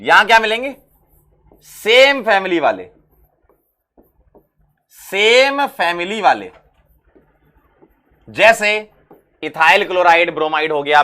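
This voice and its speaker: A male chemistry teacher prepares students for exams in a bright, forceful voice pitched a little high. He speaks lively, repeats key phrases, and answers his own questions.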